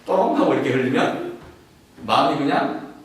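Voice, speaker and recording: A man's voice: a little high, lively intonation, normal speed. Man, pastor, conversational sermon, voices the people he quotes, very echoey hall, distant mic. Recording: echoey hall from far off with faint noise.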